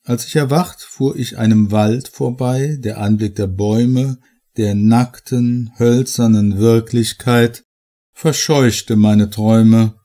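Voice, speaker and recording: A man reading a long narrative poem aloud in a measured, dramatic recital. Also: medium pitch, steady tone, mellow. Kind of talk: scripted poetry reading.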